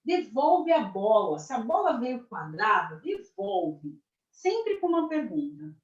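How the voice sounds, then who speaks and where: A career mentor with a Brazilian accent gives a corporate training talk, speaking directly to the audience and acting out example phrases. Her voice is fairly high and sing-song, and she takes things slowly. The sound is echoey and dull, with a lo-fi quality.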